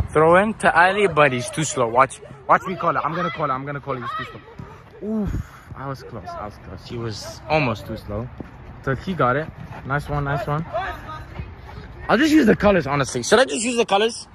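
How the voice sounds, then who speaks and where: A young man narrates a pickup football game into his phone, joking and excitable. His voice leaps high and drops low as he calls each pass. Players shout close by on the open pitch. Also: moderate pace, crowd noise. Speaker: filming and commentating a kids' backyard football game. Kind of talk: casual play-by-play chat. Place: outdoors on a small pitch. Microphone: phone camera.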